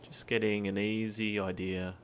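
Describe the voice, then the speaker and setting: A meditation guide leads a body scan meditation in a calm, soothing, gentle way, leaving long pauses between instructions. His voice is on the low side, with slight background noise and ocean surf sounding behind him.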